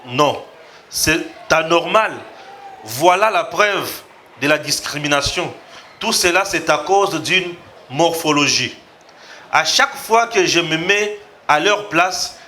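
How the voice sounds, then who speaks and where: Reading tweets and commenting in a mix of French and Lingala, the host of a political commentary show speaks with a bright, fairly high male voice. A slight hiss or hum is audible.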